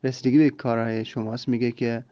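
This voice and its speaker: A man hosting a podcast English lesson, explaining and repeating phrases slowly so listeners can drill them. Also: mid-range voice, flat delivery, warm tone, no room sound. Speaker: English teacher and podcast host. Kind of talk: language lesson. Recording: slightly dull lo-fi recording.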